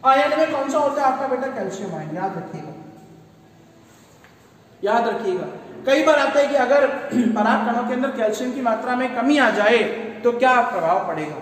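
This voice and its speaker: High-voiced man teaching in an echoey room. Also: animated, normal speed, far from the mic. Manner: asks and answers his own questions, repeats key terms; addresses students as "beta". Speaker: biology teacher. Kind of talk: classroom lecture.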